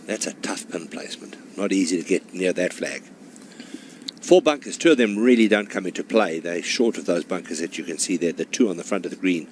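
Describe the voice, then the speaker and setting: A man giving measured, informative live commentary as a golf broadcaster. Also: low voice, animated. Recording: clear background noise, outdoor course ambience.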